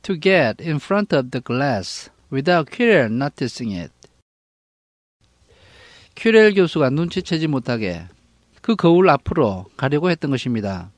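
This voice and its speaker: A man from Korea teaching an English novel, reading each line slowly and then translating it. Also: on the high side, very animated, no echo, studio quality. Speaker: English book lecturer.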